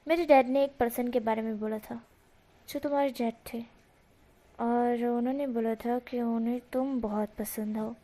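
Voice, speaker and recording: A woman voicing a sly, flirting male fox spirit with a slow, teasing drawl, in a storybook reading. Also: a little high, fairly even intonation, warm tone, close to an everyday voice.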